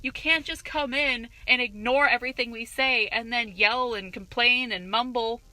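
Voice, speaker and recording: A woman's voice: on the high side, moderate pace, dry recording, poor audio. A young woman and cashier, ranting indignantly and profanely about a customer in a vlog. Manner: profane, indignant, animated retelling. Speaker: vlogger, cashier.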